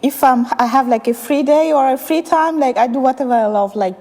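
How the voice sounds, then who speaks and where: A woman's voice: high-pitched, fairly quick, warm tone. A young woman from Chad, a field engineer, answering interview questions, laughing often and saying "like" a lot. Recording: reverberant room.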